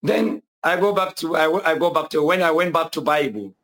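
A young man's fairly high, fairly bright voice, at normal speed, carries his conversion testimony as a guest. He speaks earnestly with a Nigerian accent, often hesitating and repeating himself.

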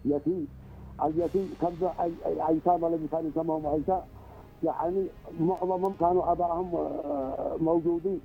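Older Yemeni caller on a tinny phone line. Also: male voice, fairly high pitch, level tone, soft background music. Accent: Yemeni Arabic. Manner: rambling, halting recollections.

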